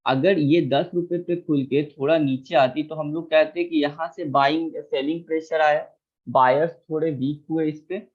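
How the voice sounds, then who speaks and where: A man's voice: on the high side, steady tone, moderate pace. A man teaching a chart lesson, patient, repeating key terms and asking if anyone is confused. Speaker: trading teacher. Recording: tinny phone-like audio.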